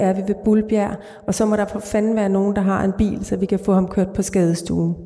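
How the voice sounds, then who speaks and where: A middle-aged woman author reading her fiction aloud and answering questions, measured and calm. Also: mid-range voice. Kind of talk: literary reading and interview answers. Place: large church. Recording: reverberant church hall.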